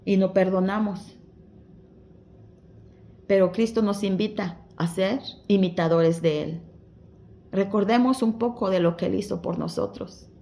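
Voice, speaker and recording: A woman's voice: mid-range voice, measured pace, creaky, pauses often, mellow. A woman giving a devotional Bible explanation, exhorting her listeners as dear ones in simple, conversational preaching. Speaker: Bible study teacher.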